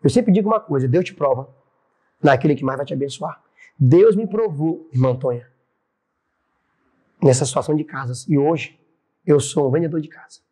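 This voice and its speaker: A man with a Brazilian Portuguese accent, a pastor, tells his faith story on a podcast. His voice sits a bit high with a husky edge, and he brings his anecdotes to life by acting out the voices of the people involved. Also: normal speed, long pauses, dark tone. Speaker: pastor and church president, podcast guest.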